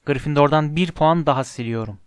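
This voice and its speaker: A man voicing a cold, sneering middle-aged potions master in an audiobook, speaking in a low, quiet, contemptuous drawl. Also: a little fast, clean tone, no echo, studio quality, close to an everyday voice. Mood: scornful. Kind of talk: audiobook character reading.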